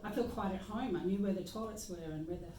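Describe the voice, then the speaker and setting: A woman's voice: mid-range voice, fast, dark tone, slight background noise. An Australian woman speaking as a guest practitioner in a casual, reflective conversation about nature. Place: meeting room indoors. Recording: echoey room, mic at a distance.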